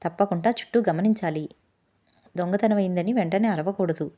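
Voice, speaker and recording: A woman voicing a gentle, wise magical bull in a children's storybook, speaking softly and patiently. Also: fairly low pitch, a little fast, lightly acted. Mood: gentle advice. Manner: soft-spoken, patient teaching.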